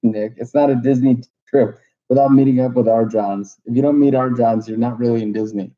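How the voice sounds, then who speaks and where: A man's voice: mid-range voice, steady tone, a little fast. A man co-hosting a casual livestream from home, making dry, teasing jokes. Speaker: co-host. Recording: dull lo-fi livestream audio.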